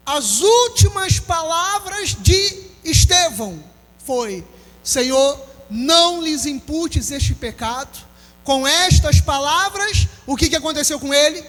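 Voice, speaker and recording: A Brazilian pastor preaching an impassioned sermon, calling out questions to the congregation. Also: male voice, very high-pitched, a bit bright. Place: church hall. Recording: long hall reverb with faint music.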